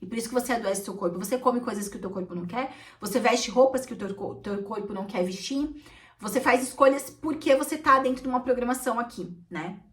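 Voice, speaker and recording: Speaking quickly in a fairly high, somewhat bright voice, this woman tells a personal story from her work as a therapist. She is emotional and confessional, with frequent "né" tags as she checks in with her audience. The mic picks her up from a bit of a distance.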